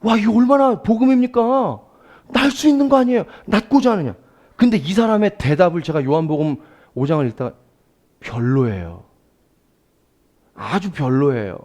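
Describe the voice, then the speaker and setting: A male pastor preaching a Sunday sermon to a congregation with a sore throat, emphatic and swinging between soft asides and loud cries, often asking his listeners questions. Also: high voice, lively intonation, normal speed, long pauses. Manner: asks the congregation questions and leads group reading. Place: church service before a congregation.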